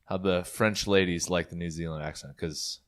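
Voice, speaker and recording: Very low-voiced male podcast host, relaxed, restarts his words a lot. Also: normal speed. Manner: easygoing, repeats words as he talks. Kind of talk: casual podcast chat.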